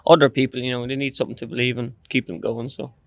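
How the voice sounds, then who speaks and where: Young male street interviewee, Irish accent, laid-back and noncommittal, fairly monotone, close dry sound. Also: mid-range voice, fast, gravelly, no echo. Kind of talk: casual chat.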